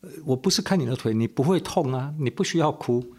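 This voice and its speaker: A man's voice: medium pitch, expressive, a little fast, voice pushed up. A man voicing an impatient, stern male surgeon who scolds sharply in a story told on the radio. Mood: scolding.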